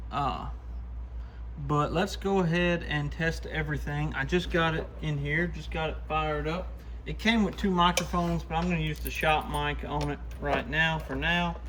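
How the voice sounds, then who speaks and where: Over clearly noisy shop audio, a repair channel host gives a casual, plain-spoken demo of hands-on work. His voice is on the high side and a bit bright, steady in tone, at a normal speed.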